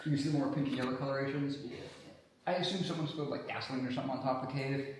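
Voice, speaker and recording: A man's voice: mid-range voice, fairly even intonation, very fast. A man working as a cave researcher, explaining things casually and informally. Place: inside a cave. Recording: very echoey, noisy cave.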